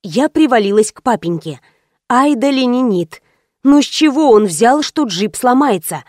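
A woman reading a first-person audiobook with lively, ironic storytelling. Her voice sits fairly high, and the recording is dry and close, with no room echo. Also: measured pace. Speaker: audiobook narrator.

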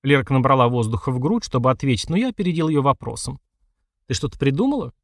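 Brief: male audiobook narrator, lively storyteller, dry close recording. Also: mid-range voice, quick pace, no echo.

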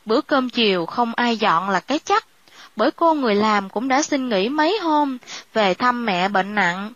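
Woman reading a story, high voice, kinda dull lo-fi sound. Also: lively intonation, normal speed, fairly bright tone, no room sound. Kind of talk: scripted story narration.

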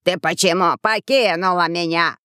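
A storyteller voicing a cowardly, cruel middle-aged count who shrieks and pleads in panic, in a dry recording. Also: male voice, high voice, steady tone, moderate pace, pushed and bright, clear, resonant tone, dry recording. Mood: panicked.

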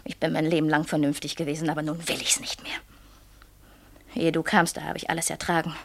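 A woman playing a restless young wife who feels trapped, speaking in hushed, urgent whispers in a radio drama. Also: low-pitched, little pitch movement, fairly quick, noisy background. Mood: bitter. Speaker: lead actress in a radio play. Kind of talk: German radio drama acting.

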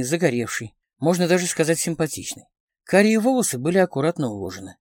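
Animated male audiobook narrator. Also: fairly high pitch, no room sound, studio quality. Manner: animated, expressive reading. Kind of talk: scripted narration of a crime novel.

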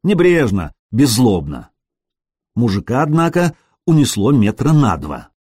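A man reading an adventure novel aloud as a studio audiobook, in an expressive style that briefly acts out the characters. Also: medium pitch, unhurried, breathy edge, no echo. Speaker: audiobook narrator. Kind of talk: scripted audiobook narration.

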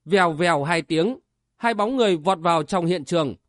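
A man's voice: high-pitched, lively intonation, brisk, no echo, studio quality. A man narrating a martial-arts novel as an audiobook with vivid, dramatic storytelling.

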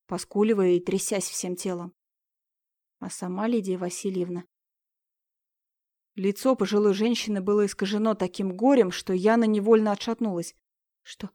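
A woman narrating an audiobook in an expressive, emotive reading style. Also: medium pitch, dry recording, studio quality.

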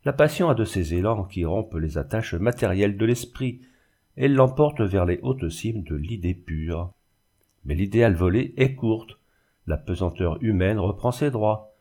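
A man narrating a classic novel in a measured, even reading. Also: lowish voice. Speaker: audiobook narrator. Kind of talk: scripted literary narration.

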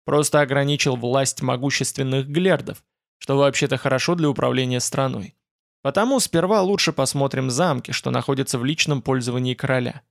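A man reading a slow, grumbling old advisor. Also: mid-range voice, creaky, close to an everyday voice. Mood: measured, grumbling. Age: older.

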